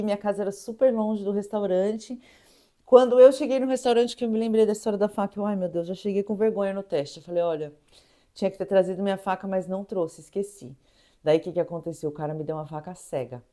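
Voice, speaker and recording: A Brazilian woman in her thirties tells a personal story in a casual, animated way, laughing as she goes and acting out scenes, including a shouting chef. Her voice is medium in pitch.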